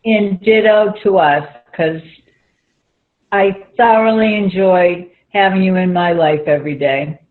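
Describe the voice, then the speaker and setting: A woman speaking affectionately to a friend during a podcast. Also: medium pitch. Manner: slow, affectionate. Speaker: caller, friend of the guest. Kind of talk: heartfelt remarks. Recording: tinny phone-like line.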